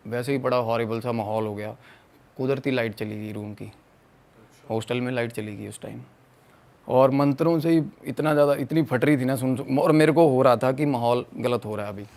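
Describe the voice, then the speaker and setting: A young man from Punjab, a podcast guest telling a ghost story in a casual chat, acting out his friends' lines. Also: mid-range voice. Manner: animated, acts out friends' quotes.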